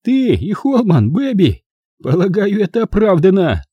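Man doing a nasty sneering young thug, pitched up and drawling, husky, dry studio audiobook sound. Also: wildly swooping pitch, a little slow, mellow, dry recording, muffled recording, heavily acted. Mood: mocking. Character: sneering, drunk-acting young man with a gun. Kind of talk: audiobook character voice.

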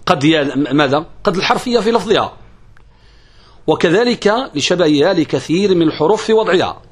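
A man's voice: on the high side, lively intonation, slightly rough. A man teaching a classical grammar lesson, asking questions and answering them himself, repeating key phrases. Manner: uneven pace, stretching some words and rushing others.

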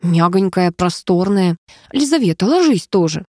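A woman's voice: on the low side, animated, moderate pace, a little mellow, no echo, studio quality. A woman voicing a cheerful, lazy middle-aged man with a moustache who drawls his words.

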